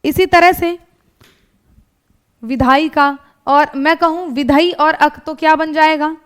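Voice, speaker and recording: A woman's voice: sits high, steady tone, slow, fairly bright tone. A woman with a North Indian Hindi accent teaching an exam-prep grammar lesson step by step, asking rhetorical questions and often checking in with her students. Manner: often adds checking tags like "thik hai" and "hai na".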